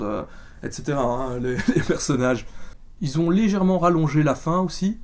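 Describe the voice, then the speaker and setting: A man giving a casual spoken film review, chatty and full of fillers and restarts. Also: medium pitch. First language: French.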